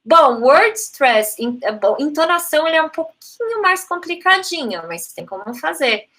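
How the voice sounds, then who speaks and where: A woman's voice: high-pitched, sing-song, moderate pace, a bit bright. A woman with a Brazilian Portuguese accent, a language teacher giving a live online talk on phonetics, chatty and dropping in English terms. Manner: chatty, frequent "né?" tags, mixes in English terms. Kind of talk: live online talk answering chat questions.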